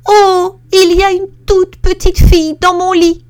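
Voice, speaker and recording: A woman voicing a tiny male bear cub in a read-aloud storybook, with a squeaky, shrill little voice. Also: level tone, unhurried. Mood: shrieking. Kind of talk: storybook reading.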